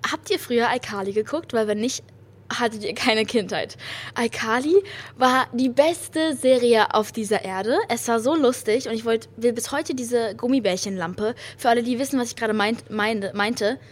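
A young German woman hosting a podcast in casual slang sprinkled with English, gushing with giddy, girlish excitement. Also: on the high side, normal speed. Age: young adult. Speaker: podcast host. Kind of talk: casual chatty pop-music podcast with youth slang and English phrases. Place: hotel lobby. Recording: clearly noisy room ambience.

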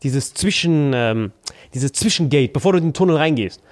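A man's voice: a little high, expressive, moderate pace. A man, co-hosting a podcast, telling a crude comic story in slang and acting out other people's lines in mock voices. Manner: crude slang-heavy banter. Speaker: podcast co-host. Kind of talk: animated comedic storytelling.

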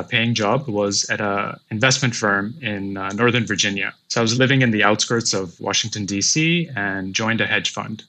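Bright-voiced man telling his story. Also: on the low side. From Pakistan. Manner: reflective, measured storytelling. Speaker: podcast guest. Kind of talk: casual interview.

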